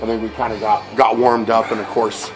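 A man's voice: lowish voice, little pitch movement, fairly quick, over music, poor audio. A man in his thirties talking casually in a gym as a strongman vlogging his training, with hesitant, trailing phrasing. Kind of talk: casual chat. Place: indoor gym.

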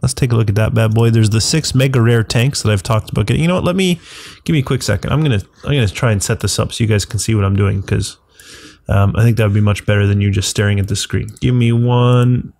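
A gravelly, lowish, slightly mellow voice belongs to a fast-talking man hosting a gaming channel while congested with the flu. In a dry recording, he gives casual commentary on a video game, rambling, thinking aloud, and correcting himself.

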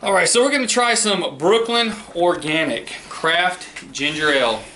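A man's voice: high-pitched, measured pace, pushed and bright, slight background noise. A man, a dad hosting a casual taste-test vlog, joking and reacting playfully as he talks.

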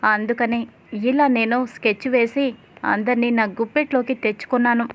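A woman's voice: fairly high pitch, fairly even intonation, moderate pace, natural voice, rough recording. A woman voicing a scheming middle-aged woman who boasts about plotting to control the house. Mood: gloating. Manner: boastful, menacing.

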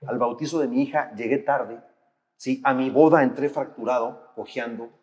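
A man's voice: medium pitch, normal speed, a little mellow, big-room sound. A Mexican man hosting a casual chat, speaking in a reflective, conversational way. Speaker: host.

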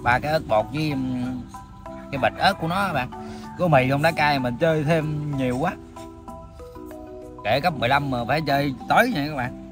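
Music plays as a thirties-aged man with a southern Vietnamese accent sits on the ground outdoors in greenery, eating and chatting casually to viewers while the spicy food burns his mouth. The mukbang host's voice is a little high, and he talks at normal speed with frequent pauses.

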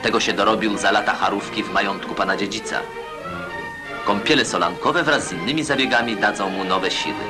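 A man's voice: lowish voice, fairly quick. A man narrating a 1950s newsreel as a voice-over, with a declamatory, emphatic announcer's delivery. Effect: old newsreel voice-over. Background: loud music.

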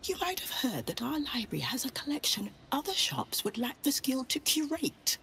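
A woman's voice: very deep voice, normal speed, fairly bright tone, a little hiss or hum. A woman voicing a reverent librarian in a video game, in an ASMR role-play with a shushing manner. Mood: hushed, confiding. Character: hushed, reverent female librarian guarding sensitive books. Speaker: librarian shopkeeper.

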